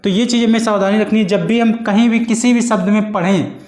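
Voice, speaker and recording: Man, teacher, patient exam-prep lesson, high voice, roomy echo. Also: fairly even intonation, darkish tone. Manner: patient, repeats points and models sounds slowly.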